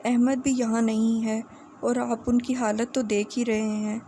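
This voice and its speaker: A woman reading the lines of a quiet, dutiful young son in an audiobook, in a subdued and respectful way. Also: a little high, level tone, a little hiss or hum, close to an everyday voice.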